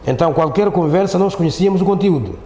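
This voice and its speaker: High-voiced, fast, and mellow, with lively intonation, a middle-aged Islamic teacher with a Mozambican accent talks as an interview guest. He narrates conversationally, circling back on his words and often ending with a tag question. The audio carries a roomy echo and faint background noise from the echoey studio.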